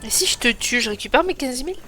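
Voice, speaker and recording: A woman's voice: high voice, animated, fast. A woman giving chatty, self-mocking let's play commentary, thinking aloud as she plays. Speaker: gaming streamer. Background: game music.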